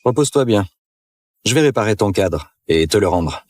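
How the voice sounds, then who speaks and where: An actor voicing a protective young husband in a dubbed drama, speaking with calm, soothing reassurance. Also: male voice, fairly low pitch, normal speed.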